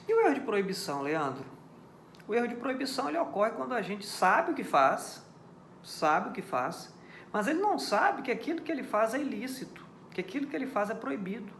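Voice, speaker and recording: A Brazilian man with a Brazilian Portuguese accent lectures on criminal law, explaining step by step in a didactic way. His voice is high-pitched and fairly bright, with a roomy sound and a little hiss or hum. He repeats key points and uses rhetorical questions to check that listeners are following.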